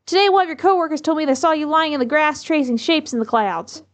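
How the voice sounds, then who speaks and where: A woman's voice: high voice, fast, natural voice. A woman voicing a stern, businesslike boss on a phone call in a story game. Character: brisk, stern office boss.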